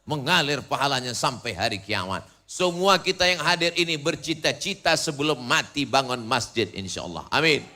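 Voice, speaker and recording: A middle-aged man preaching a sermon to a large crowd outdoors, telling stories with humor, asking the crowd questions and shouting at the peaks. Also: medium pitch, normal speed, few pauses. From Indonesia. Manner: animated, humorous storytelling with call-and-response and shouted peaks.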